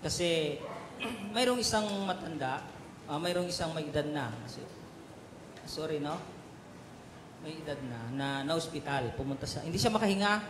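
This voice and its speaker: A male pastor preaching a sermon and telling stories with fillers, swinging from soft asides to loud emphatic peaks. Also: a little high, lively intonation, normal speed, pauses often. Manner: storytelling with fillers and Taglish asides. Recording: echoey hall with faint noise.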